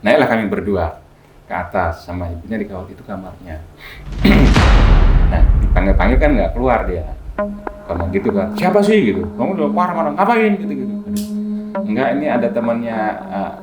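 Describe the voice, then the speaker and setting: A man, a guest healer, telling a story in casual chat, lively and acting out the dialogue he quotes. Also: low-pitched. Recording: echoey room with faint music.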